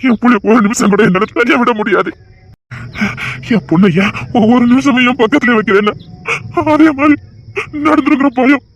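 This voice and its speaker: A man's voice: high-pitched, fairly quick, a bit bright. An actor playing a sorrowful, guilt-ridden older father who talks heavily and breaks into sobs. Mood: grieving. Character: grieving older father, guilt-ridden protector of his girl. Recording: dull lo-fi audio.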